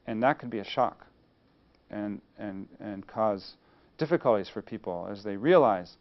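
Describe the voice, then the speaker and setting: A man's voice: on the low side, lively intonation, unhurried, highs cut off. A man giving a university lecture on engineering, posing questions and answering them himself. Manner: rhetorical, poses questions then answers them.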